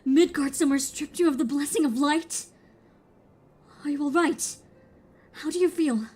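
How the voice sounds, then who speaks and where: A woman's voice: high voice, unhurried, darkish tone. A woman voicing an earnest formal young scholar. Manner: archaic formal speech.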